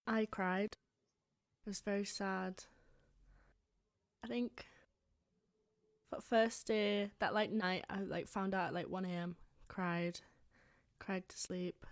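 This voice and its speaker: A woman in her twenties co-hosting a podcast, speaking softly in casual chat. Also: medium pitch, flat delivery, takes it slowly, pauses often, dry recording, studio quality. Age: 20s. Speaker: podcast co-host.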